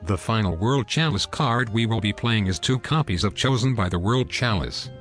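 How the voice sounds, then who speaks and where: This is a synthetic male text-to-speech voice, pitched a little low, reading a scripted walkthrough at a steady, even clip. Faint music plays underneath throughout. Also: moderate pace. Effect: text-to-speech robot voice. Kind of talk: scripted card game deck explanation.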